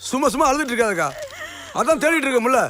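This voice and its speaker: Brisk, reassuring brother-in-law. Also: male voice, very high-pitched, lively intonation, a crowd in the background. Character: bustling brother-in-law taking charge. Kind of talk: Tamil film drama acting. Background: film score.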